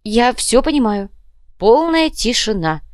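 A woman's voice: medium pitch, animated, normal speed, a little mellow, dry recording, clean studio sound, natural voice. A woman reading an audiobook voices a nervous, evasive male prisoner who pleads and stammers. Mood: eager.

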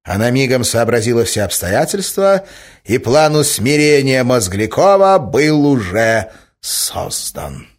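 A male narrator reads classic prose with lively, dramatic intonation. His voice sits at an ordinary pitch for a man and moves freely up and down. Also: measured pace. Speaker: audiobook narrator. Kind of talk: scripted literary narration.

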